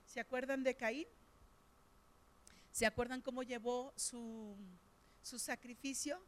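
A woman's voice: on the high side, fairly even intonation, slow pace, a bit bright. A middle-aged woman with a Mexican Spanish accent, preaching a sermon in a conversational storytelling way, with frequent fillers.

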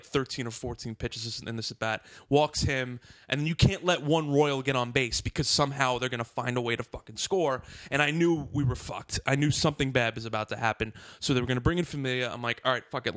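Animated, foul-mouthed male storyteller. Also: medium pitch, no echo, studio quality. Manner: animated, profane storytelling with fast asides. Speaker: podcast co-host. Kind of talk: casual chat.

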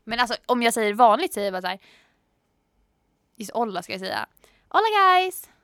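A teenage girl co-hosting a casual podcast in a small studio, bubbly and giggly, swinging between loud and soft. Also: medium pitch, fairly even intonation, dry recording. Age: teens. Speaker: podcast co-host.

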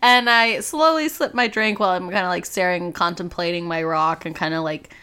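A woman's voice: on the low side, a little fast, bright, forceful tone, clear, resonant tone. A woman playing a tabletop role-playing game, casual and giggly. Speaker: player.

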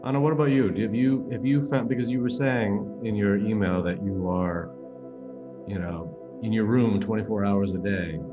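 Male professor as guest host, lowish voice, halting questions, muffled lo-fi audio. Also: steady tone, music in the background. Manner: hesitant, many "uh" and "um".

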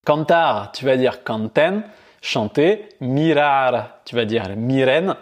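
A man's voice: mid-range voice, lively intonation, slow pace. A man giving a casual online language lesson, chatty and encouraging, speaking directly to the learner. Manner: chatty, addresses the learner as tu, many fillers. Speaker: Spanish teacher.

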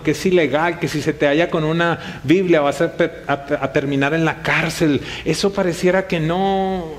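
A pastor delivers a sermon in a raised, fairly high male voice. He keeps it conversational, leaning on rhetorical questions aimed at his congregation. The delivery sounds like live preaching in front of a gathered church.

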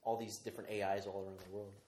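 Fast-talking man, lowish voice. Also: little pitch movement, darkish tone, echoey room, slight background noise. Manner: quick, tumbling talk with restarts. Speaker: podcast co-host. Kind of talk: casual chat.

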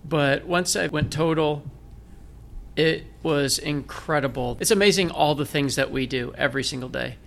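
Here a Michigan man with a Northern Michigan accent, a blind veteran of the military, speaks at normal speed in a slightly high, somewhat bright voice with vocal fry. He's a guest in a conversational interview, recounting his story and making self-deprecating jokes.

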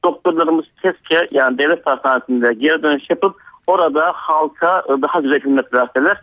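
A teacher in his forties phones in to a radio talk show, speaking earnestly over a landline phone. His voice sits slightly high and sounds thin, like a narrow phone line. There is no room echo at all. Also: brisk. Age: 40s. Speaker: radio call-in listener, teacher. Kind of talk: casual call-in comment. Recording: tinny dry phone line.

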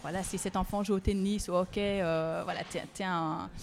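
A woman, a speech therapist explaining her work in a podcast interview, calm and hesitant with many fillers. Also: fairly low pitch, brisk, gravelly, a little hiss or hum.

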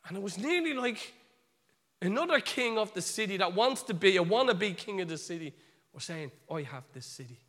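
A man with a Dublin Irish accent, telling a story in a sermon, chatty and animated, with asides to his listeners. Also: high-pitched, moderate pace. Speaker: preacher. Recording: long reverb of a large hall.

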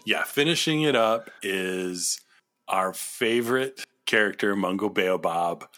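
Low-voiced man chatting casually. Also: animated, takes it slowly, bright, forceful tone. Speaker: podcast host. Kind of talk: casual chat, pop-culture discussion.

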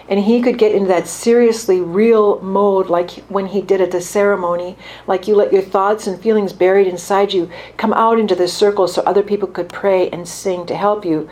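A woman reading a story aloud in a calm, even storytelling manner, as the author of the book. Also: fairly low pitch.

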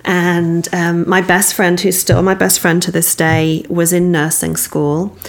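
A woman from England, telling a casual anecdote in a measured way. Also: on the low side, level tone.

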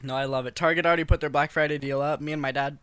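A man's voice: a little high, fairly even intonation, very fast, a bit bright, clean tone, no echo. A young man co-hosting a podcast in casual, slangy chat with frequent swearing. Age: young adult. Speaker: podcast co-host.

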